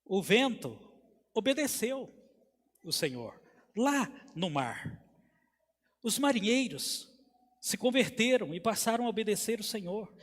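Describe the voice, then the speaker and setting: A Brazilian pastor preaching a sermon with emphatic swells and sudden drops in volume. His voice sits high for a man. The church sanctuary gives it a long, ringing reverb. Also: very animated, measured pace, long pauses. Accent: Brazilian Portuguese.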